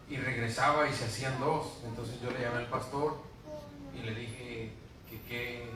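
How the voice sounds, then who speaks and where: A man, a church member, giving a halting testimony about his dreams, hesitating and restarting often. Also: mid-range voice, noisy background. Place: church hall. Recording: echoey church recording from far off.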